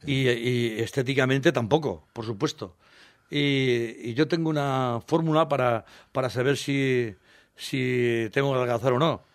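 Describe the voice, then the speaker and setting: A Spanish singer from Valencia, in his sixties, tells rambling stories of his childhood during an interview, laughing as he imitates voices. He speaks unhurriedly at medium pitch, and the studio recording is clean and dry.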